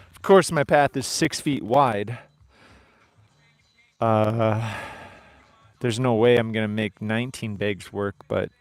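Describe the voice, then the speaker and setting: A thirtysomething livestream host chats casually as he works outside on his farm, wandering from subject to subject and cracking jokes to his audience. His pitch is ordinary and mid-range, recorded dry without echo.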